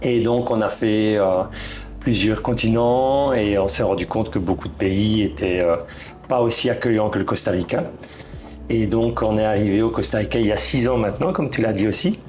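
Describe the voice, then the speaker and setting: A real estate broker in his thirties from Belgium, with a Belgian French accent, talks casually as an interview guest, hesitating and often restarting sentences. His voice is fairly low, a little mellow, at a moderate pace.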